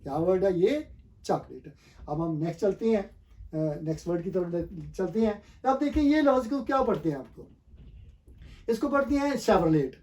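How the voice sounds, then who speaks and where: A language teacher leads a pronunciation lesson, asking the viewer questions and repeating the answers. He speaks slowly and deliberately, pausing often to think, in a high-sitting, expressive, slightly mellow voice.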